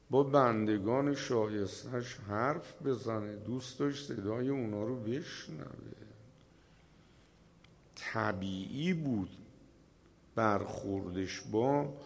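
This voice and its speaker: A man giving a religious sermon, telling a story with slow, emphatic delivery, dramatic pauses, and a voice that swells at the key moments. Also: medium pitch, vocal fry. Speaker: preacher.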